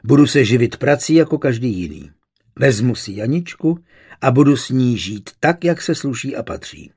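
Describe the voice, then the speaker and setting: A man's voice: medium pitch, animated, a little mellow, breathy edge. A man voicing an earnest young suitor who speaks with determination, in a storybook reading. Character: young man pleading for his beloved.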